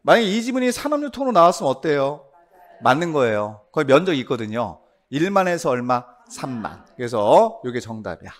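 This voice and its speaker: A man teaching a real estate law exam review, quizzing his class with quick tag questions. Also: medium pitch, sing-song.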